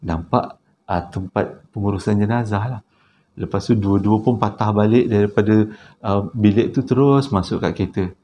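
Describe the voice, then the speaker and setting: Low-voiced Malaysian storyteller. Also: male voice, moderate pace, slight background noise. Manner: conversational, tag questions, hushed at tense moments. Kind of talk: spoken horror storytelling.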